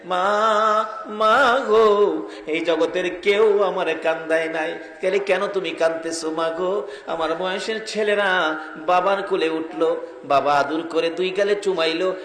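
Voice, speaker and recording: A male preacher voicing a young orphan boy who cries for his missing father, in plaintive, drawn-out phrases in an echoey hall. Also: high voice, steady tone, a bit bright. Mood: weeping. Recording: echoey hall with long reverb.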